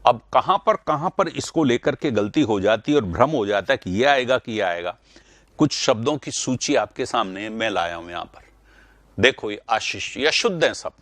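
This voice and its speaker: A man's voice: medium pitch, a bit bright, no echo. A man teaching Hindi spelling and pronunciation in an online class, repeating words to stress the correct sounds and correcting students directly. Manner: addresses students directly, correcting their answers.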